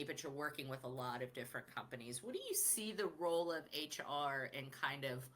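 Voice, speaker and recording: A woman's voice: deep voice, bright, forceful tone. A woman hosting a podcast interview, asking questions and affirming her guest. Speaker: podcast host. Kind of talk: conversational interview.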